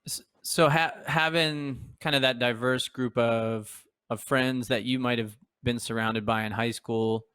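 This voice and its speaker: A man co-hosting a podcast, asking the guest questions in a halting way with frequent restarts. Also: mid-range voice, steady tone, a bit bright, clear, resonant tone, no room sound, studio quality. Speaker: podcast co-host. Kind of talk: interview questions.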